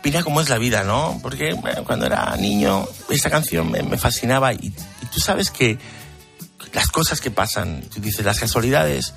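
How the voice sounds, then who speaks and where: A man, a painter chatting as an interview guest and telling lively anecdotes. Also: medium pitch, normal speed, gravelly, soft background music. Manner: animated, laughing anecdotes. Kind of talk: casual interview storytelling.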